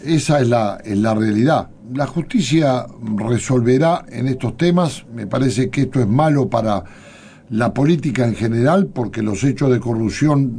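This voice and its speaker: A man with a Uruguayan accent, a guest in a radio interview, answering in a measured, deliberate way with many pauses. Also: medium pitch, gravelly, dark tone, a little hiss or hum. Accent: Uruguayan Spanish.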